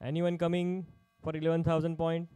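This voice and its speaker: A man's voice: a little high, completely flat delivery, a little fast, mellow, smooth, dry recording. A man working as an auctioneer at a live sports player auction, calling out bids in short, repeated phrases.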